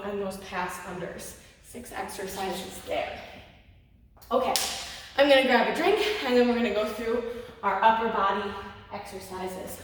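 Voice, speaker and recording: A fairly high-voiced woman fitness instructor, cheering on her class while counting down each exercise. She sounds a bit winded, and her voice rings through a very echoey room, some distance from the microphone. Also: a bit bright, slight background noise. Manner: encouraging, cueing each move step by step. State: a little out of breath.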